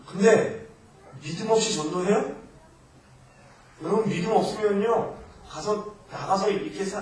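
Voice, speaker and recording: A male missionary preaching a sermon in Korean to a congregation, alternating loud emphatic exhortation with quieter asides. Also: sits high. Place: church sanctuary. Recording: echoey church hall from far off, faint noise.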